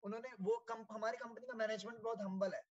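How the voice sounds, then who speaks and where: A man's voice: sits high, fairly even intonation, quick pace, a crowd in the background. A man, a sales manager, giving an earnest and grateful testimonial, mixing Hindi with English phrases. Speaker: sales manager sharing his experience. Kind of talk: heartfelt testimonial talk. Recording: dull lo-fi audio.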